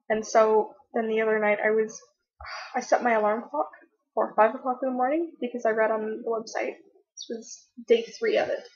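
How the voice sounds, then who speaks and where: A young woman chats to her laptop webcam at home, rambling and restarting her sentences. Her voice sits a little high with a husky edge. The webcam audio is dull and lo-fi. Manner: chatty, rambling with many fillers and restarts. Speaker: vlogger. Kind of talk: casual chat to camera. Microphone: laptop webcam mic.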